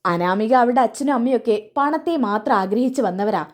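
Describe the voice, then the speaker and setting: A woman voicing a calm elder brother who reasons patiently, in her own voice. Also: on the high side, fairly quick, lightly acted. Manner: soothing, reasoning.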